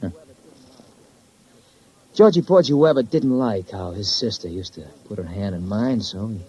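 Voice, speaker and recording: In a muffled vintage 1950s radio crime drama recording, an actor voices an embittered young murder suspect, a tough-talking failed lawyer with an American accent. His voice sits on the low side, mellow with a breathy edge, expressive and moderately paced, as he throws out clipped, sarcastic slang and wisecracks in a bitter, sardonic mood.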